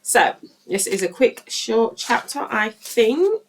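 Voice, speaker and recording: A woman hosting her channel, reading a book aloud at a steady pace and breaking off now and then for informal asides to her viewers. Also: fairly high pitch, slow pace, slight background noise.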